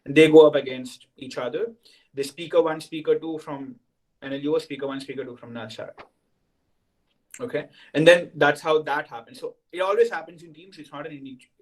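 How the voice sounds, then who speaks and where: A man's voice: fairly high pitch, a little fast, poor audio. A young man, a senior student explaining things to new students on a video call and checking in with "right?". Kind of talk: orientation talk to students.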